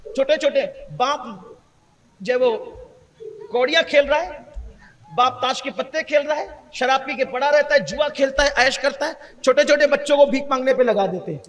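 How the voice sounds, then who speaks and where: High-voiced impassioned male preacher. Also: a bit bright, big-room sound. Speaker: Islamic preacher. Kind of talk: sermon-style speech.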